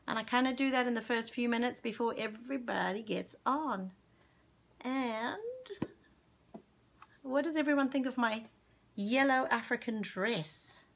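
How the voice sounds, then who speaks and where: Broadcasting live from a curtained, plant-filled room at home, a woman from Zimbabwe in her forties leads a kids' singalong on a desk-distance webcam. Her voice is on the high side and creaky. She's slow, warm and cheerful, mixing casual chat with songs and calling out viewers by name.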